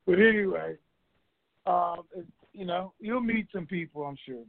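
Heard over a tinny, dry conference phone line, a man who's a regular guest on a call-in show rambles offhandedly in casual phone talk. His voice is high and a little slow, with vocal fry.

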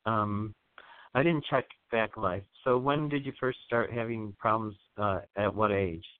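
Soft-spoken male psychic host, phone-like. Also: lowish voice, smooth, no echo. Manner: soothing, halting, many fillers. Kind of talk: spiritual energy reading on air. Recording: phone-like narrow sound.

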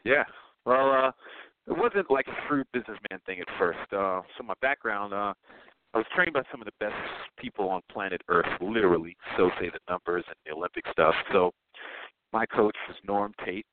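A man phoning in to a talk show. His voice sits fairly low and sounds tinny and dry over the phone line. He talks about coaching in a chatty, upbeat way. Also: moderate pace, no room sound. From New York area, Long Island. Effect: heard over the phone. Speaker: caller and speed coach. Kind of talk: casual call-in chat.

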